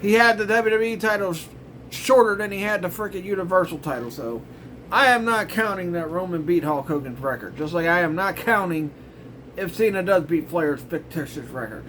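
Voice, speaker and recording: A man's voice: high voice, a little fast, a bit bright, slight background noise. A middle-aged man hosting his own show, ranting in a grumbling, exasperated way with sarcastic asides. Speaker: host. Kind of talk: casual ranting commentary.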